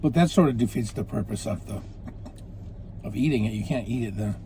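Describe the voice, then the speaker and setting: A man's voice: fairly low pitch, fairly quick, mellow, slight background noise. A man hosting a casual food review, chatting while he eats. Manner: chatty, talks with mouth full.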